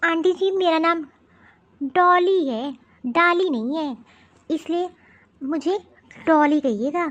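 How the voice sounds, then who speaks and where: A woman voicing a modern, pushy young city woman in an animated cartoon, speaking breezily and dropping English words. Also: very high-pitched, slow pace, highs cut off, exaggerated voice. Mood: breezy.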